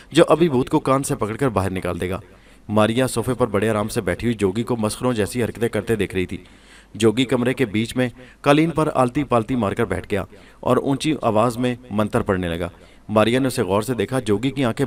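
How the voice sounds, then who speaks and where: Male storyteller narrating a horror tale. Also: on the low side. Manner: steady storytelling.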